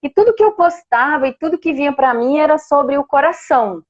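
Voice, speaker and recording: Speaking in a high-pitched, animated voice at a slightly fast pace, a woman with a Brazilian Portuguese accent tells a personal story as a guest. She's heartfelt and emotional, with occasional laughter, and the audio is dull.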